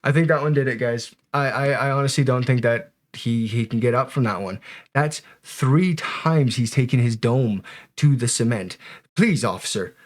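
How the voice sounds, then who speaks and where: A man delivers casual reaction commentary at a middling pitch. He sounds wry and joking, talking loosely to his viewers and dropping swear words as he goes. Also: normal speed. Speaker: commentator reacting to bodycam footage.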